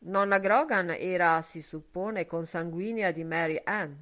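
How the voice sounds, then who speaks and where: A woman narrating a literary novel in a measured, steady reading. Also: fairly low pitch. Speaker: audiobook narrator.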